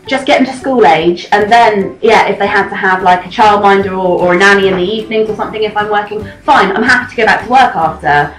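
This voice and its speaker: A woman's voice: mid-range voice, a bit bright. A woman around thirty chatting casually as a blog host, rambling with many restarts. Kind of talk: casual chat. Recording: echoey room with faint music.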